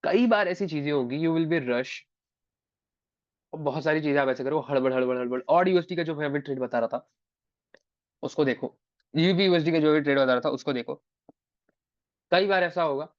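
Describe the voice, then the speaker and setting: A man's voice: fairly high pitch, moderate pace, pauses often, dry recording, lo-fi sound. A man mentoring trading students in a live online class, repeating key phrases for emphasis and switching between two languages.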